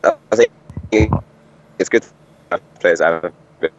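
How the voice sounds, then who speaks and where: A man's voice: low-pitched, sing-song, unhurried. A man talking casually over a mobile phone call from a bus, his words breaking up into a buffering stutter on a bad connection. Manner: rambling, with many restarts. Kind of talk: casual discussion on a call-in show. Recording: dull, lo-fi, choppy phone line.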